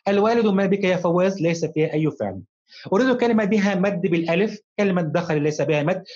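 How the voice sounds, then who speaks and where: Fast-talking man teaching a lesson, lo-fi. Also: high-pitched, a little mellow. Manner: slow, careful dictation-style reading of examples; addresses pupils fondly and encouragingly. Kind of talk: recorded online lesson. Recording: dull, lo-fi recording.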